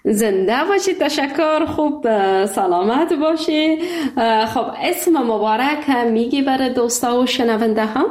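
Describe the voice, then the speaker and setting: A woman's voice: a little high, a little mellow, echoey room. A woman hosting a call-in radio show, chatting cheerfully with a caller and laughing often. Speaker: radio host.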